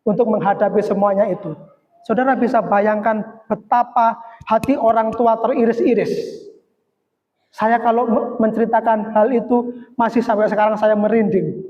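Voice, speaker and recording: A middle-aged woman shares a personal testimony with a congregation in a sincere, heartfelt storytelling manner. Her voice carries a long reverb from a large hall, and the recording sounds dull and lo-fi. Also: a little high. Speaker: church speaker giving testimony. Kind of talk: testimony sermon.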